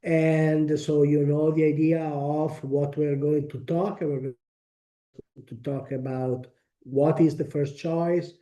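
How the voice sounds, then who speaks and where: A man with a strong Italian accent presenting a technical webinar, speaking haltingly with frequent pauses and restarts. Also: a little high, little pitch movement, dark tone. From Italy. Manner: halting, many fillers and restarts.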